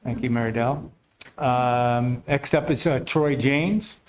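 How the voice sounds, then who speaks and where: A man chairing a public meeting, courteously thanking and announcing speakers in a halting way. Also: medium pitch. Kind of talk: procedural announcing.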